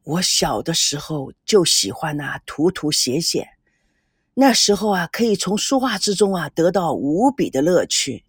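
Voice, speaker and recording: A soft-spoken, learned old grandfather from an audiobook novel, voiced by a woman narrator, drops low and draws his words out with care. The voice carries a breathy, husky edge in a dry, close recording. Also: sing-song, no echo, full character voice. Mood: nostalgic. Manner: slow, measured, reflective. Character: old grandfather, scholarly, gentle, dignified.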